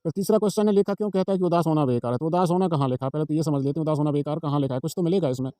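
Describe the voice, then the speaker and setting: Fast-talking male exam tutor. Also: on the high side, dark tone, no room sound, studio quality. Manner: repetitive, asks and answers his own questions; walks through a page, pointing at lines. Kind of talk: informal exam-prep tutorial.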